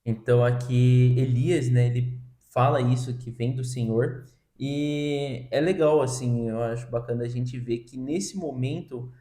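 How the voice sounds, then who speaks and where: A man's voice: mid-range voice, steady tone, unhurried, few pauses, warm tone, reverberant. A man explaining a Bible reading in a casual, conversational way, full of fillers. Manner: conversational, many fillers like né and tipo assim. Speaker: co-host of a Bible reading podcast.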